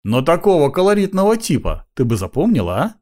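A man's voice: on the high side, huge pitch swings, fairly quick, warm tone, voice pushed up. A man voicing a cocky, self-important middle-aged male street cop.

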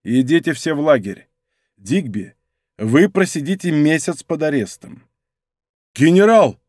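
A man voicing a calm but stern army general in an audiobook, speaking in a measured, resonant, imperious way. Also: on the high side, no room sound, clean studio sound. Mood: commanding.

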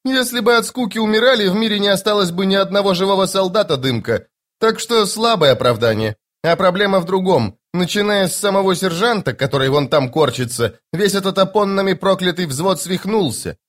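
A man voicing a sharp-tongued, tough female corporal in an audiobook, scolding and sarcastic. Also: high-pitched, animated, a little fast, voice pushed up. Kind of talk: audiobook character voice.

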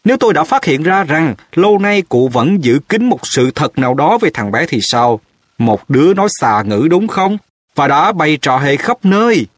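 A man voicing a stubborn, indignant middle-aged male minister who blusters in a raised, husky voice. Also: fairly high pitch, big pitch swings, moderate pace, a bit bright, no room sound, voice pushed up, full character voice. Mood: defiant.

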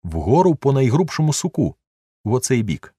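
Feverish eccentric gentleman, commanding and urgent, dry recording; a man reads him. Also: mid-range voice, big pitch swings, moderate pace, breathy edge, dry recording, voice pushed up. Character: excitable eccentric gentleman obsessed with treasure.

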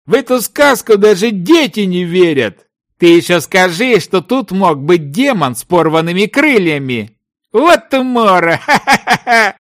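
A man voicing a grumpy desert merchant who loudly scolds his partner. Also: a little high, wildly swooping pitch, moderate pace, voice pushed up. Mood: angry scolding. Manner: loud, shouting, mocking.

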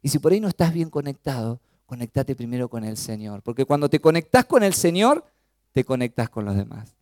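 A man from Chaco with an Argentine accent preaching a sermon, swinging between emphatic raised peaks and low, quiet lines. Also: a little fast, no room sound, clean studio sound. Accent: Argentine Spanish. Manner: animated preaching, rising to emphatic peaks then dropping low.

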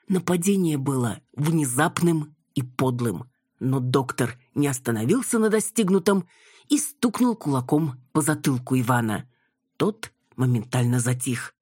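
A woman reading a novel aloud in steady, tense narration. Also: low-pitched, breathy edge, no echo, studio quality. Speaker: audiobook narrator. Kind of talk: scripted narration.

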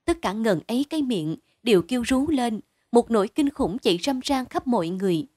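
A woman reading a short story aloud as an audiobook narrator, in a steady, measured storytelling manner. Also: a little high, no room sound, studio quality.

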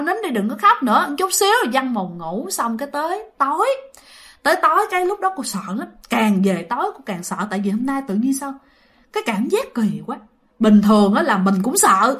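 A woman's voice: on the high side, a bit bright. A woman telling a ghost story in a chatty way, speaking directly to her listeners.

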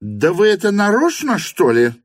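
A man's voice: huge pitch swings, unhurried, no echo, clean studio sound, full character voice. A man reading an audiobook, voicing a bossy, suspicious middle-aged hostess who insists and commands. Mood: indignant. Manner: commanding, shrill and indignant.

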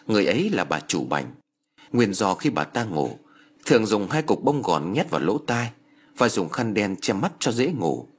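A man's voice: lowish voice, slightly rough. A man narrating an audiobook story in a dramatic manner. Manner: dramatic, swings into character voices.

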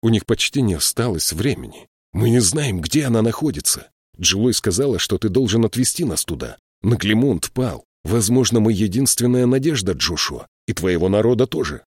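A man's voice: fairly low pitch, lively intonation, moderate pace, breathy edge, dry recording, studio quality, voice pushed up. A man voicing an urgent, desperate young man pleading with his friend in an audiobook. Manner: pressing, urgent.

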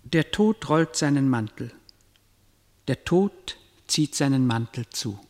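An actor playing the solemn narrator of a radio play, with a creaky voice. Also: male voice, mid-range voice, animated, slow pace. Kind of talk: scripted dramatic narration. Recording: long echoing reverb.

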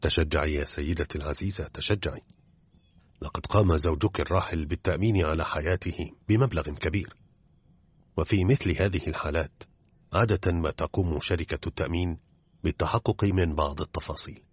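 A courteous, shrewd detective who coaxes people gently, as a man voices him. The voice is deep and husky, recorded very dry for an audiobook drama. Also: a little fast, no room sound. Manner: courteous, coaxing. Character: polite, shrewd male detective.

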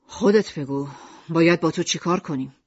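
A woman voicing a gruff, stern middle-aged male shopkeeper who is easily exasperated. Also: deep voice, a little mellow, no room sound, voice pushed down. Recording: dull lo-fi audiobook recording.

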